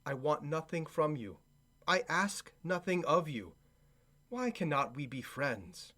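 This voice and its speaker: An actor playing an earnest, kindhearted nephew in a radio play, speaking eloquently and pleadingly. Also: male voice, on the high side, big pitch swings, slow, bright, forceful tone, exaggerated voice. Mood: pleading, sincere. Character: earnest, kindhearted nephew, good-humored gentleman.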